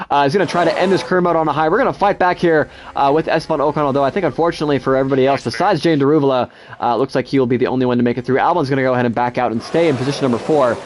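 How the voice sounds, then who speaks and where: A young man doing casual gameplay commentary on a racing management game, excitable and swearing freely. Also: fairly high pitch, racing, a little hiss or hum. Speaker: gaming YouTuber.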